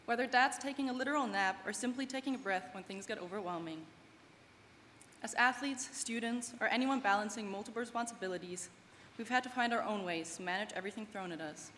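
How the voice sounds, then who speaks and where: This prepared commencement speech comes from a young German woman for whom English is a second language, and she speaks earnestly and from the heart. Her voice is medium-pitched, a little fast, and fairly bright. Faint background noise sits under the long reverb of a large hall.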